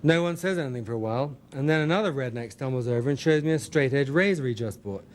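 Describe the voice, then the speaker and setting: A man's voice: mid-range voice, fast talker, slight background noise. A man reading aloud from his own memoir in a wry, dry manner. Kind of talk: memoir narration.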